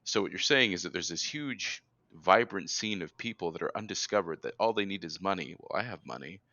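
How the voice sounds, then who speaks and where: A man's voice: low-pitched, fairly quick, no room sound, highs cut off. A man hosting an interview, talking energetically and emphatically as he builds his point. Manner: energetic and emphatic, rising with excitement. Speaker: interview host. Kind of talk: conversational interview.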